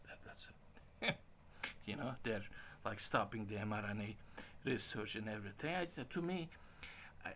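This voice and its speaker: Low-voiced man rambling with restarts. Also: a bit bright, a little hiss or hum. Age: 40s. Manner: halting, many restarts and chuckles. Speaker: stream host. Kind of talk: casual rambling monologue.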